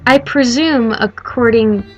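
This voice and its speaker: A woman streamer reading a story game aloud as the heroine, breaking off for animated, sarcastic commentary. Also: fairly high pitch, slow pace, faint music behind.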